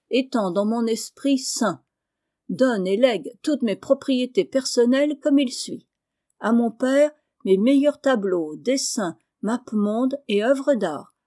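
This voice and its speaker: A woman's voice: a little high, mellow. A woman voicing a vain, dramatic young girl in an audiobook, fussy and self-important.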